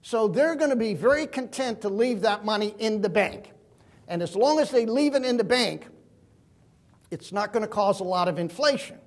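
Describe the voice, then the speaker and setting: A man's voice: high-pitched, lively intonation, moderate pace. An older man giving a keynote talk, earnest and emphatic, telling stories as he walks through his charts. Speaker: keynote speaker. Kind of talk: keynote talk on money and markets.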